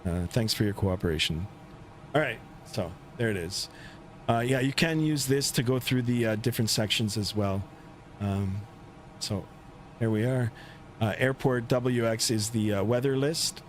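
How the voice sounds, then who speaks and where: A man streaming a flight simulator talks in a casual, stop-and-start way, filling his phrasing with pauses. Behind him, the aircraft's engine rumbles steadily.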